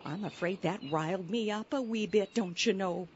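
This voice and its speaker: A woman voicing a sentimental mother chickadee ghost pirate with an Upper Midwest accent, folksy and drawn-out, given to weeping over her lost eggs. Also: mid-range voice, slight background noise, natural voice. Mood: indignant. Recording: lo-fi recording.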